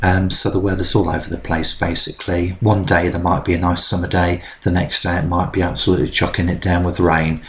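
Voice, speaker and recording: A man's voice: low-pitched, level tone, brisk, hardly any pauses. A middle-aged man giving a chatty, explanatory voice-over about a DIY build, with frequent ums. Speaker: DIY vlogger. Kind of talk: instructional voice-over narration.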